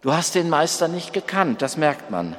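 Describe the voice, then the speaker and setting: A man's voice: on the high side, big pitch swings, normal speed, a bit bright, long reverb tail. A man voicing a firm, correcting disciple. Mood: insistent. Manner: emphatic, correcting. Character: earnest older male disciple, firm.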